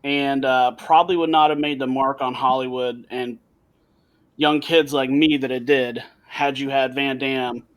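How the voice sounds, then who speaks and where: A man's voice: medium pitch, steady tone, unhurried, clear, resonant tone. Man co-hosting a movie podcast. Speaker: podcast co-host. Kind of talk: casual podcast chat. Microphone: remote call.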